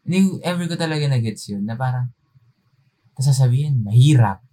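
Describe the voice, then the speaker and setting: A man co-hosting a casual podcast chat, joking and sarcastic. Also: brisk. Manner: animated, swinging pitch, sarcastic asides. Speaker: podcast co-host.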